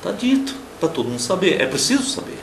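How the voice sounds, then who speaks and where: A man preaching a televised sermon with a Brazilian accent, emphatic, swinging between loud declarations and soft murmurs and acting out the people he quotes. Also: high voice, very animated, fast, gravelly, a little hiss or hum. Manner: acts out quoted people in raised voices. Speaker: pastor. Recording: roomy with faint ambience.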